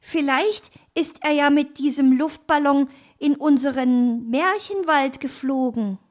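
A woman's voice: high-pitched, unhurried, voice pushed up. A woman voicing a timid hare in a children's audio story, anxious and careful. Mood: curious. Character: timid hare with big ears.

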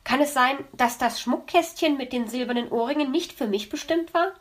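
A sulky male kobold from a children's storybook, grudging and dry in every word, as a woman reads him. The voice is pitched a little high. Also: normal speed, natural voice. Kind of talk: audiobook reading.

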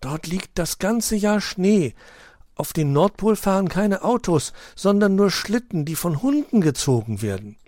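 A man doing a high eager beagle girl. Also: sing-song, measured pace, a little mellow, no room sound, clean studio sound. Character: eager little female beagle pupil.

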